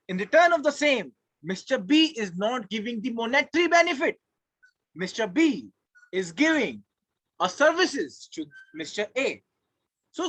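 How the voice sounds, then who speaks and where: Animated, husky Indian male teacher. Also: very high-pitched, dry recording, low-quality recording. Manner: emphatic, repeats key phrases. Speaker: law teacher. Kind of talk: live online lecture to students.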